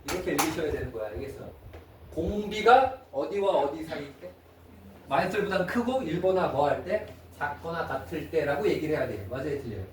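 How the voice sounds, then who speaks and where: A man teaching a math lesson in a classroom, constantly checking in with his students with quick questions. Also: a little high, animated. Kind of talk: classroom lecture. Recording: echoey room, mic far off, faint noise.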